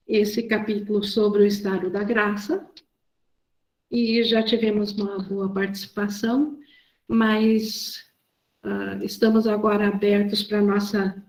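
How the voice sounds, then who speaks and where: A woman guides a study group over a video call, speaking slowly and gently in a measured tone. Her voice sounds roomy and echoey. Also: mid-range voice. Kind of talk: leading an online spiritual study session.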